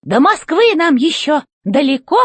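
A woman voicing a rusty, creaky male robot chief who barks orders in a squeaky voice. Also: very animated, a little slow, no echo. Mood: pompous commanding.

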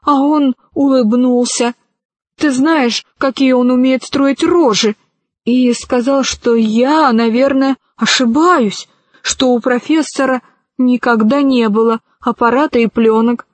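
A woman's voice: high voice, steady tone, takes it slowly, no echo. A woman reading the lines of an earnest, devoted male archaeologist in a storybook.

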